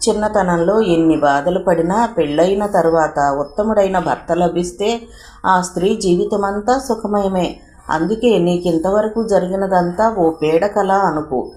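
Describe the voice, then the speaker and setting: A woman voicing a kind elderly aunt who consoles and gently scolds with affection. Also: on the low side, close to an everyday voice. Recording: roomy echo.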